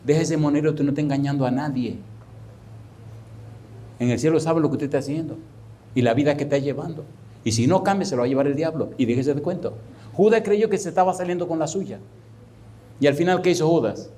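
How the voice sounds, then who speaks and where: Male pastor, sermon delivery, animated, voices the people in his anecdotes. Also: a little high, a little fast, long pauses. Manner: animated preaching, repeats rhetorical questions; acts out dialogue in anecdotes.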